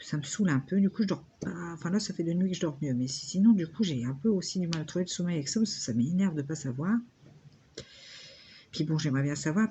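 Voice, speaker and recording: A woman's voice: low-pitched, warm tone, a little hiss or hum. A woman in her thirties chatting casually and rambling with lots of fillers while she crafts at home. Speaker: vlogger.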